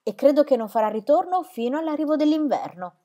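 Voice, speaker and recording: A woman's voice: animated, fast talker. Woman voicing a young woman crying out in anguish. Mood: choked. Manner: high, loud, anguished cries. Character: young woman, frightened and grieving daughter.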